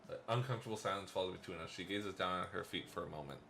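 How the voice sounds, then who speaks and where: A man's voice: low voice, fast, gravelly, pushed and bright, slight background noise. A man hosting a let's play, reading a visual novel's first-person narration aloud with playful asides and chuckles.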